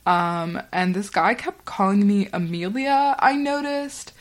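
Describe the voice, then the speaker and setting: A young woman hosts her own podcast and tells stories in a loose, chatty way. Her voice sits at an ordinary middle pitch. She fills her sentences with casual fillers and breaks into quick laughs. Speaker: podcast host. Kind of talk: casual storytelling monologue.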